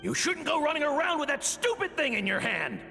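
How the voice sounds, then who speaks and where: An actor playing a harsh, bullying father in a video game, berating and gravelly, in long reverb. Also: extremely high pitch, very animated, brisk, faint music behind, full character voice. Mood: furious. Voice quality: gravelly, forceful. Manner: berating, scolding.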